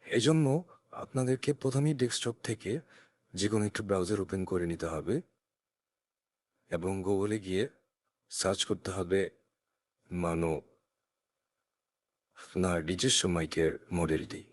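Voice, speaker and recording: A deep-voiced man walks through a software tutorial, explaining each step carefully in an instructional, unhurried way with long pauses. He is recorded close on a USB condenser microphone, so the sound is very dry with little room in it.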